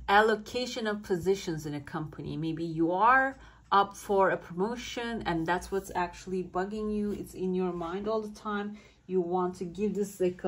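A woman with a medium-pitched voice speaks as an online fortune teller. She addresses her viewers directly as she gives a reading. Her phrasing is searching, as if interpreting what she sees. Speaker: fortune teller, channel host. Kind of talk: fortune-telling coffee cup reading to viewers.

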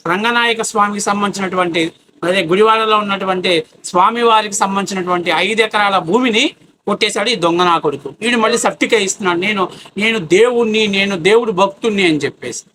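A man delivering an angry, abusive political rant, taunting his target with rapid rhetorical questions. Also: high voice, sharp tone, a little hiss or hum. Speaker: political commentator.

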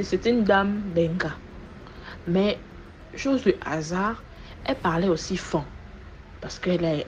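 A woman giving a personal testimony, retelling events in an animated way, with sudden loud rises and repeated words. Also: fairly low pitch. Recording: muffled recording with faint background noise.

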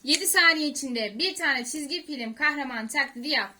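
A woman reading out quiz questions and counting down in a casual family game, brisk and to the point. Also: high-pitched, bright, forceful tone. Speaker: quiz reader and contestant.

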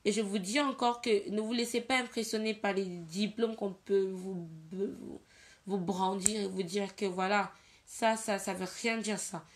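A woman's voice: mid-range voice, fairly even intonation, unhurried. A young woman from Cameroon talking bluntly and emphatically on a casual live video, often repeating her points. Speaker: livestreamer giving her opinion.

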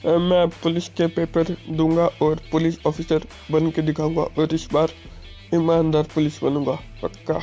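A man's voice: fairly high pitch, flat delivery, moderate pace, mellow, highs cut off, soft background music, lightly acted. A man voicing a greedy, corrupt young police officer who whines and pleads with his father. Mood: meek. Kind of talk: gameplay story voice-acting.

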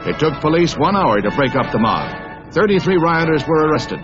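Male old newsreel narrator, slightly high voice, brisk and wry, muffled lo-fi film sound with music under it. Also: very animated. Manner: brisk, wry announcer delivery with punning asides.

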